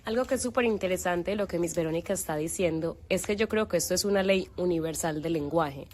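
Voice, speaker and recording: A woman's voice: on the low side, brisk, a little mellow. A young adult woman with a Colombian accent, hosting and explaining ideas thoughtfully in a casual discussion.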